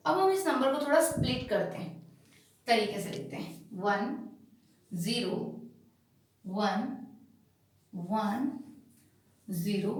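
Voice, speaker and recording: A woman teaching a class in a high, deliberate voice. She checks often that the class follows, then answers her own questions. The sound is distant and echoey, as if from across a bare room. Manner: asks checking questions and answers them herself; slow and emphatic when spelling out digits. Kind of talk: classroom lesson on binary numbers. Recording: echoey room, far from the mic.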